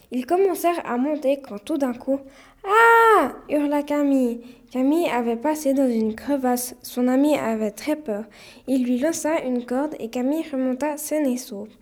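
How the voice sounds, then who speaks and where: Narrator: woman, high, mellow voice, steady story reading. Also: moderate pace. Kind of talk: read-aloud storytelling.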